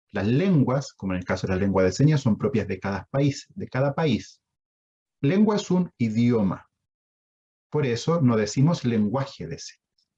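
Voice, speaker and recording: A man's voice: medium pitch, warm tone, slightly rough, dull audio. A man with a Chilean accent giving an online lecture on sign language, explaining patiently and putting questions to his audience over a video call.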